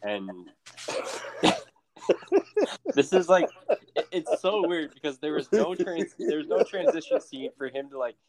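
A man co-hosting a casual movie podcast, animated and laughing as he retells scenes. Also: on the high side, measured pace, long pauses, a crowd in the background. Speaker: podcast co-host.

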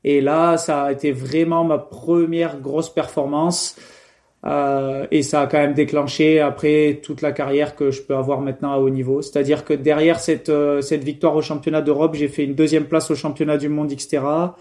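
A man's voice: fairly high pitch, flat delivery, moderate pace, a little mellow. A young man from France answering interview questions in a casual, hesitant way, with many fillers and restarts. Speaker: guest, professional triathlete.

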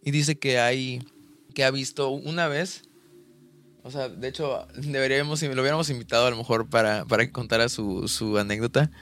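A man's voice: medium pitch, fairly even intonation, normal speed, a bit bright, slight background noise. Hesitant young man chatting casually. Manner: hesitant, many restarts and fillers. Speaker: podcast co-host. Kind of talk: casual chat.

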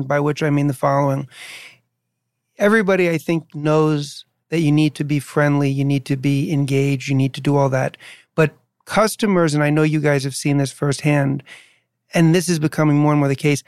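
A male host with a smooth, fairly high voice lays out his thoughts in a measured way. The sound is dry and close. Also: darkish tone, no echo. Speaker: podcast host. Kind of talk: interview hosting.

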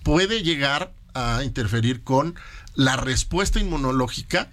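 A man, a dentist guest explaining things in casual chat, with many pauses and fillers. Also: medium pitch, animated, fairly bright tone.

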